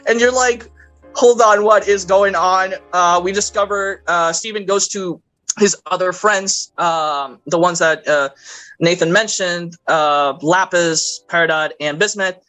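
Bright-voiced man recapping a cartoon. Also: high-pitched, measured pace, soft background music, poor audio. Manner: animated, acts out characters' lines in quoted voices; frequent fillers and laughter. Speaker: podcast host. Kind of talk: casual chat recapping a cartoon movie.

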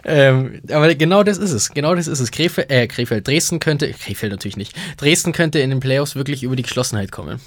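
A man's voice: mid-range voice, animated, quick pace, hardly any pauses, no echo. A man co-hosting a casual ice hockey podcast, laughing often and mimicking voices as he tells stories. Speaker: podcast co-host.

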